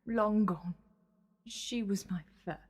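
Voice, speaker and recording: A woman's voice: medium pitch, takes it slowly, slightly rough. A woman playing a scheming, bitter alien villainess in a sci-fi audio drama, theatrical and taunting. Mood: cold, resigned. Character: desperate, menacing female Time Lord villain, scheming and bitter. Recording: music under the dialogue.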